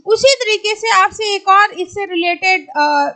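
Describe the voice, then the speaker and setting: A woman teaching an exam-prep grammar lesson, patiently repeating each word slowly and asking and answering her own questions. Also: very high-pitched, pushed and bright.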